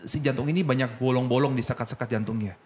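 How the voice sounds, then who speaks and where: A man casually telling his personal story as a guest, slipping English phrases into his talk and getting animated as he recounts. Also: medium pitch, quick pace, a little hiss or hum.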